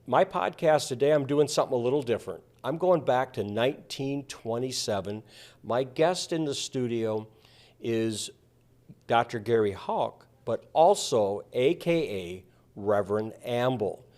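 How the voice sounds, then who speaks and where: A male podcast host speaking casually and asking friendly questions in a studio. His pitch sits in the ordinary middle range. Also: expressive, a little slow, a little mellow. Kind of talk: casual interview. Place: school digital arts studio.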